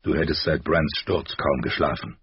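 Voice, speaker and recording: A man voicing a calm, gentle young lord. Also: very deep voice, normal speed, slightly rough, dry recording, exaggerated voice. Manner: soft and soothing. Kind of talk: audiobook character voice. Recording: slightly dull recording.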